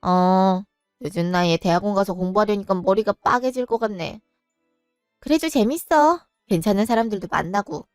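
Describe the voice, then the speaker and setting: A woman's voice: medium pitch, normal speed, smooth, dry recording, studio quality, faint music behind, close to an everyday voice. A woman voicing a mocking, breezy young sister-in-law in a storybook drama. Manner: breezy, teasing. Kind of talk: storybook voice acting.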